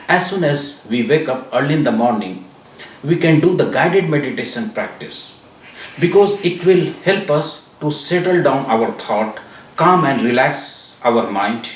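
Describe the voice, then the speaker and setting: Echoey, distant man teaching mindfulness. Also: on the high side. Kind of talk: scripted promotional talk to viewers. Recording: echoey room, distant mic.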